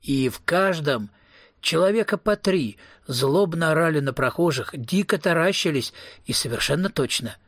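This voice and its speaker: A man narrating a novel as an audiobook reader, in an even, wry storytelling manner. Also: a little high, normal speed, dry recording, studio quality.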